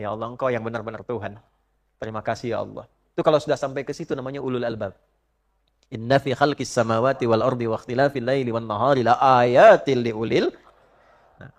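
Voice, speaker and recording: A man preaches a sermon. He chants Arabic verses slowly and questions his listeners directly, swinging from emphatic peaks to soft asides. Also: medium pitch. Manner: asks the audience direct questions. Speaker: Islamic preacher.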